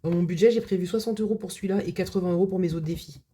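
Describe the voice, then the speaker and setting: A woman with a low, husky voice talks casually to her viewers. Her tone is mellow and dark, and her speech is loose and chatty, full of fillers and restarts. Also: very fast. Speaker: budget vlogger. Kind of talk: casual vlog chat.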